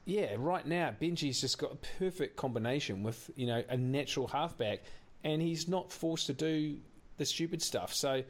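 A man's voice: on the high side, moderate pace. A man giving blunt, sweary opinions as a casual sports co-host. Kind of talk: casual rugby league commentary.

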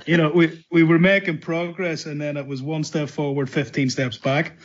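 A man bantering casually in a deadpan, teasing way on an internet call. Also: fairly high pitch, moderate pace. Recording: muffled internet call audio.

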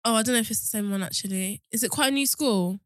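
A woman's voice: a little high, quick pace, no echo, clean studio sound. A young British woman with a southern English accent, co-hosting a podcast in an informal, teasing, chatty style. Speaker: podcast co-host. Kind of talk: casual chat.

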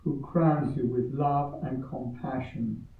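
Male liturgical reader, unhurried psalm delivery, echoing and slightly muffled, off-mic church sound. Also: mid-range voice, fairly even intonation, vocal fry. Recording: echoey, distant, slightly dull church recording.

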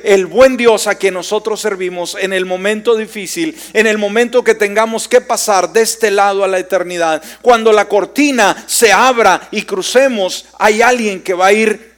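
High-voiced pastor preaching. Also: male voice. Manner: emphatic, questions the congregation. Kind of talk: sermon.

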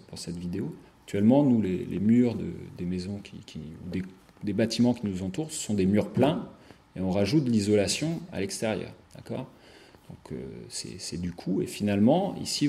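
Guy giving a lecture over slides, kinda low warm voice, lots of ums and restarts. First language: French. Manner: hesitant, many fillers and restarts.

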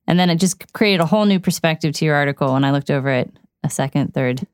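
A woman hosting an interview podcast, asking questions in a lively, upbeat way. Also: sits low, fast, smooth. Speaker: podcast host. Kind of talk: casual interview.

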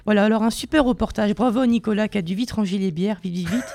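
A man's voice: high-pitched, fast talker, gravelly, darkish tone, a little hiss or hum. A young man delivering a comic opinion column on student radio, mock-boastful and self-mocking, with many hesitations, into a studio microphone. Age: young adult.

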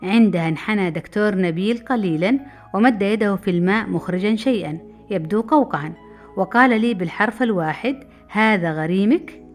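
A middle-aged woman from Saudi Arabia, telling a personal memoir story in a brisk, lively way. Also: mid-range voice. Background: faint background music.

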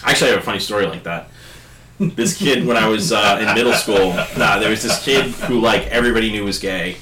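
A young man co-hosting a casual podcast, swearing freely and telling animated stories with impressions of the people in them. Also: lowish voice, a little fast, a loud crowd. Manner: animated storyteller, mimics voices in anecdotes. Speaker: podcast co-host. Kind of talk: casual chat, crude joking. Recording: echoey room.

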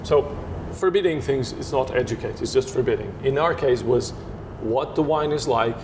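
Guy w/ talking winemaking in an interview, keeps restarting his sentences, hissy rumbly recording. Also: moderate pace. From Portugal. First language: Portuguese. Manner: searching for words with frequent restarts. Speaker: winemaker guest. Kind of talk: descriptive interview answers. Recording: steady noise and low rumble.

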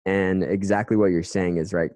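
A man hosts a casual interview in a very low, deep voice. The sound is close and dry, with no room echo. He speaks haltingly, restarting phrases and filling gaps with "um". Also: steady tone, a little mellow. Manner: halting, restarts often, many "um"s.

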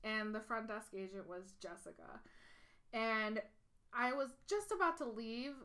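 A young woman tells workplace stories in a relaxed, chatty way, laughing often as she goes. Her voice sits a little high and sounds bright and crisp. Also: a little slow. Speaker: podcast co-host, former hotel worker. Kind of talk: casual storytelling chat.

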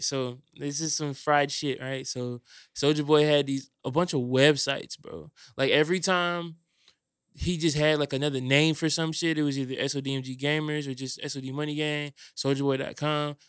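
A man's voice: on the high side, a bit bright, smooth, no room sound, studio quality. Easygoing slangy man in his mid-twenties. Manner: slangy, easygoing, says "bro" a lot. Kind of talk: casual chat.

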